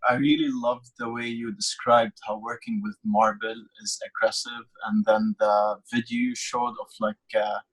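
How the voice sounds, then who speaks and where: A man's voice: medium pitch, steady tone, normal speed, hardly any pauses, fairly bright tone, slightly rough, low-quality recording. A man interviewing an artist, asking a long, rambling question while searching for words.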